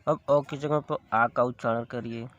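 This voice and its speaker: A man teaching a Hindi alphabet lesson, slowly repeating each syllable as a drill. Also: medium pitch, steady tone, lo-fi sound. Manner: slow, repetitive drilling, drawing out each syllable.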